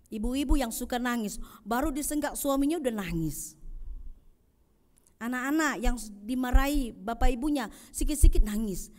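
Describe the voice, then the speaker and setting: A woman pastor delivers an Easter sermon in a fairly high voice. She preaches with swings between loud, rising calls and soft, low passages, and she puts questions to the congregation. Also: normal speed.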